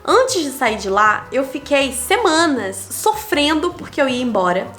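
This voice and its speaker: Soft music sits under the measured, somewhat bright voice of a young Brazilian woman, pitched high with big swings and marked by a Brazilian Portuguese accent. This digital nomad vlogger offers a casual, candid reflection, counting off lessons one by one.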